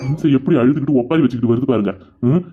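A man's voice: medium pitch, racing, faint music behind, natural voice. A man playing a grumpy sarcastic village husband. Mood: scornful. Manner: scolding, sarcastic grumbling. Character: grumpy middle-aged husband, scornful of his wife. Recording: dull lo-fi sound.

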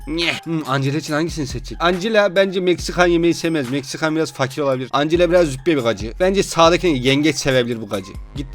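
A young man giving excitable, joking commentary while playing a game, often laughing and exasperated. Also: on the high side, very fast, hardly any pauses. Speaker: gaming YouTuber. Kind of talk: gameplay commentary. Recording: faint game music behind.

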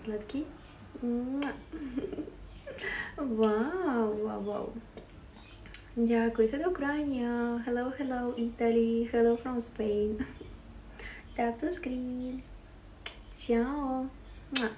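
A woman's voice: fairly high pitch, mellow, roomy sound, recorded from a distance, a little hiss or hum. A woman from Ukraine hosting a casual livestream, greeting and thanking viewers, giggling often as she switches between languages. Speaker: live-stream host.

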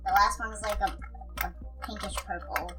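A woman's voice: mid-range voice, steady tone, normal speed, recorded from a distance, a crowd in the background. A woman chatting casually alongside a gameplay session, adding encouraging side comments. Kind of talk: casual chat.

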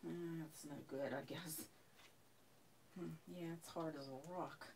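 An older woman thinks aloud while teaching a live painting lesson from her indoor home studio, speaking slowly, calmly, and without hurry. Her low-pitched, gravelly voice often gives out, prompting frequent throat-clearing. A faint hiss or hum runs beneath the recording.

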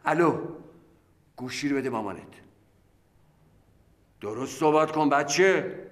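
A man's voice: fairly high pitch, close to an everyday voice. A man playing a blustering fussy office clerk. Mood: scolding. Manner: blustering, flustered and scolding. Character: fussy flustered middle-aged male office clerk. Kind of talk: sitcom acting. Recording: echoey room.

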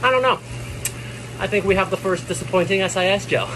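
A man's voice: sits high, a little fast. Man talking with gel in mouth. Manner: blunt, joking, talks to viewers. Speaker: vlogger reviewing energy gels. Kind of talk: casual taste-test vlog. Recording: noisy, engine noise behind.

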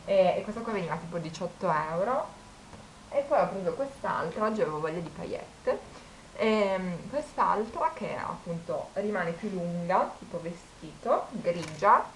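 Young woman vlogger, lowish voice, chatty storyteller. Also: lively intonation, a little slow, slight background noise, poor audio. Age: 20s. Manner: chatty storytelling, quoting people. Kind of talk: casual chat.

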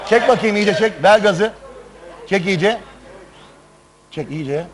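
A man's voice: high-pitched, takes it slowly. A man hosting a live show with informal, teasing banter, joking with the participants. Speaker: show host. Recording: live show, music and crowd behind. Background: music and a lively crowd.

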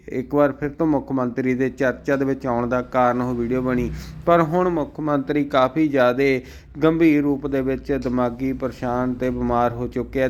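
A man in a middle register giving a scripted news narration. He keeps an even, formal reporting tone throughout and sets up the story in a clear, measured voice. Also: medium pitch.

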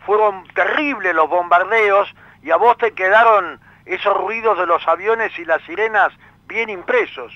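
A man with a Rioplatense Spanish accent who hosts a radio interview, speaking deliberately and hesitating at times as he introduces his guest. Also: sits high, no room sound, dull audio. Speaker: radio host.

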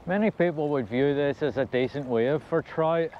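A man with a Scottish accent giving casual, halting, low-key commentary as he fishes, thinking aloud. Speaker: angler filming a fishing vlog. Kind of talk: casual unscripted commentary while fishing. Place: outdoors on a windy loch shore. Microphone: body-worn action camera. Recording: muffled, windy outdoor action-camera audio. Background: wind and water noise.

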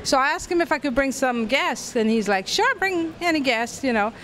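A woman's voice: high-pitched, animated, normal speed, a bit bright, a little hiss or hum. A middle-aged woman from Guyana, giving a chatty, rambling red-carpet interview into a handheld mic at an indoor event. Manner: chatty and effusive, rambling with restarts. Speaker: interviewee, festival volunteer. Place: indoor event in front of a step-and-repeat banner.

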